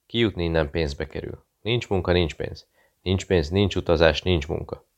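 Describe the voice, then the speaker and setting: In an audiobook, a man voices a frightened, nervous, secretive Serbian barkeeper who speaks in short, broken phrases. He keeps his very low, gravelly voice hushed and guarded, with a weary mood.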